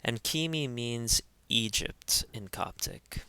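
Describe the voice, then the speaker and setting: A man teaching pronunciation in an instructional voice-over, carefully spelling out each sound and repeating every word slowly. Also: medium pitch, pushed and bright, clear, resonant tone, no room sound. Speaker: language teacher.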